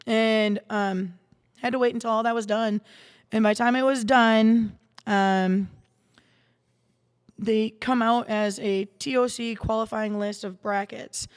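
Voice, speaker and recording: Woman podcast guest, chatty and rambling, slightly high voice, long studio reverb. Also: steady tone, a little slow, clean tone. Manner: rambling, many restarts and fillers. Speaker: guest, salon owner and darts player. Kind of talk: casual storytelling chat.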